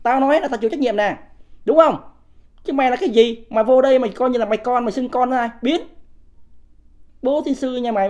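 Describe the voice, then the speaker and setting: A man's voice: extremely high pitch, a little mellow, muffled recording. A man, hosting a livestream of political commentary. He talks off the cuff, keeps asking the audience rhetorical questions, and scolds commenters bluntly. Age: 50s. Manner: combative, scolds viewers in blunt coarse language.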